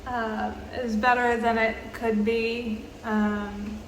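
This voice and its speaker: A woman in her twenties chats slowly and haltingly, with a flat, even delivery and lots of "um"s. Her voice bounces around the hard walls of a small public bathroom, giving a strong echo. A faint background hiss sits under the recording. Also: fairly high pitch. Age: 20s. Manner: halting, filler-heavy, slow and even. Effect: roomy bathroom echo. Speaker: vlogger. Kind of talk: casual travel vlog chat.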